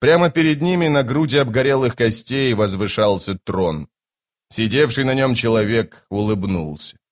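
A man narrating an epic fantasy audiobook in a measured, dramatic storytelling manner. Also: mid-range voice, expressive.

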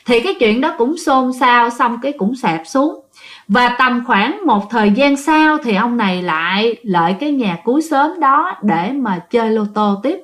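A woman's voice: on the high side, fairly bright tone. A woman telling a ghost story in casual narration, chatty and addressing listeners directly.

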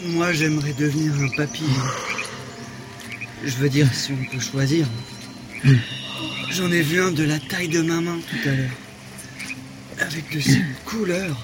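An actor playing a weakened, dreamy young sailor in a radio drama, speaking softly. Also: male voice, on the high side, steady tone, a little slow, pauses often, over music, lightly acted.

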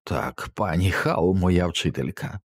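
A man voicing a frail, wasted man with a dry, brittle voice who talks slowly and vaguely, like a child. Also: low voice, breathy edge, no echo, full character voice. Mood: dreamy. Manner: slow, drifting, childlike. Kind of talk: audiobook character voice.

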